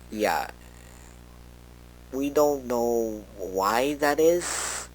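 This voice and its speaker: A man voices a researcher making a casual log tape for a fan horror audio log, speaking in character with a hesitant, chatty delivery full of self-interruptions. His pitch is medium. The recording is low quality, with slight background noise.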